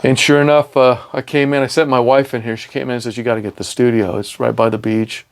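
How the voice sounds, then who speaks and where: A middle-aged man with a British accent, born in Milan and raised in England and Scotland, talks fast with vocal fry and a medium, fairly flat pitch. He's a recording engineer and studio owner guesting on a podcast, telling casual stories in a recording studio and sprinkling in "man" and "you know."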